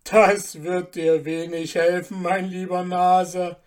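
A woman's voice: lowish voice, little pitch movement, takes it slowly, a little mellow. A woman voicing a sneering, mysterious foreign guest in a storybook reading, smug and mocking.

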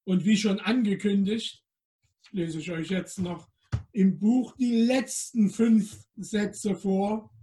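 A man appearing as Santa Claus, reading a storybook aloud to children and talking to them directly. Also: sits high. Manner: addresses children directly, slow and gentle.

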